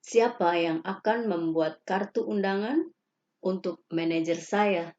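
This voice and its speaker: A woman teacher reading English example questions slowly and carefully, each followed by its Indonesian translation. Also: mid-range voice, darkish tone. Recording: dull lo-fi recording.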